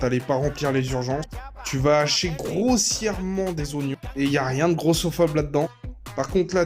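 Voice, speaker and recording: A man talking viewers through a recipe in a casual, punning way, speaking straight to them. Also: fairly high pitch. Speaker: home cook. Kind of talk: jokey recipe voice-over. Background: soft background music.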